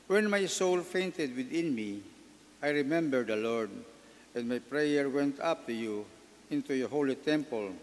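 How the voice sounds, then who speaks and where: A man serving as lector at Mass, reading scripture and leading a psalm with formal, measured, declamatory phrasing. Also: mid-range voice, lively intonation, slight background noise. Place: large reverberant church. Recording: echoey hall with long reverb.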